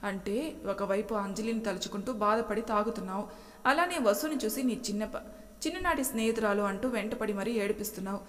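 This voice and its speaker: A woman's voice: medium pitch, expressive, a little fast, close to an everyday voice. A woman voicing a man's inner conscience, teasing and questioning him. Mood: probing. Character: inner conscience voice, probing and needling. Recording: long hall reverb.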